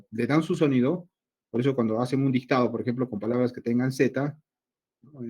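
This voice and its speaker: A man's voice: medium pitch, mellow, breathy edge. Male teacher lecturing on a video call. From Latin America. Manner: explains slowly, asks himself students' questions. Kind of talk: online class lecture.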